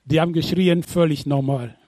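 A man preaching a sermon, animated, firing rhetorical questions at the congregation and sometimes bursting into shouts. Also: fairly high pitch, moderate pace, dry recording, clean studio sound. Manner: bursts into shouts when retelling.

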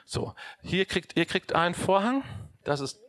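A man preaching a sermon, addressing his audience directly in a lively way. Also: high-pitched, a little slow, no echo, clean studio sound.

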